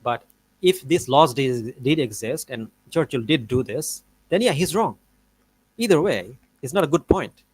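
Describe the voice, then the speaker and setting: A man giving casual reaction commentary on a debate. He argues his case in a loose, rambling way, stopping and restarting with plenty of fillers. His pitch sits in a middle range. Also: animated, unhurried, slightly rough, no room sound, poor audio. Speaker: debate reviewer.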